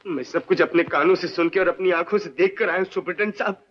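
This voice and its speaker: An actor playing a desperate young village informant who pleads, swears oaths and speaks emotionally, in an old film melodrama. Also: male voice, high-pitched, quick pace, slight background noise, lightly acted. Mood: pleading. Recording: dull old film soundtrack.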